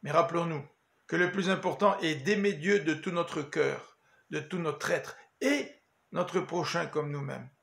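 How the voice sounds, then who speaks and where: A man giving a daily Bible meditation as pastor, in a measured, earnest preaching manner. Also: fairly high pitch, vocal fry, a bit bright. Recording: echoey room.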